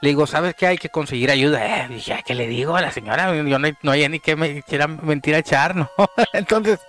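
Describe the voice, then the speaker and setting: A man with a Mexican accent telling a story in casual chat, animated and dropping to hushed tones at tense moments. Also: fairly high pitch, normal speed, faint music behind. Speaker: podcast guest telling a story.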